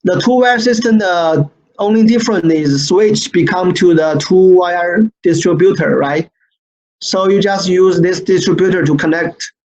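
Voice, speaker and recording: In a screen-share online product training, a man whose first language isn't English presents with halting, repetitive phrasing, frequently checking in with "right?". His voice is high and darkish, and the webinar audio is dull and lo-fi.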